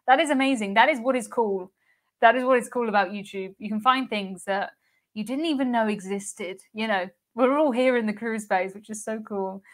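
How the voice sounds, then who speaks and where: Her voice sits on the high side and moves at a moderate pace as this young UK cruise channel host runs her live stream. Reading viewer comments aloud, she keeps things casual, laughing a lot and repeating herself.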